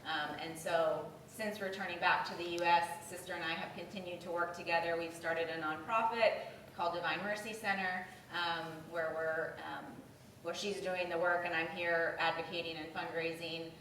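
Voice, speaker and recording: Woman, lowish voice, casual slideshow talk, frequent ums, faint background noise. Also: steady tone, normal speed, hardly any pauses, a bit bright. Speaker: retreat facilitator presenting slides. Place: church meeting room. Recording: echoey room audio from a distant mic.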